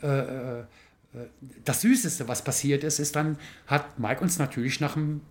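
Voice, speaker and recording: A man hosting a podcast, telling an anecdote in a casual, animated way with many fillers and tag questions. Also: on the high side, normal speed. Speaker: podcast host. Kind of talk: casual storytelling chat.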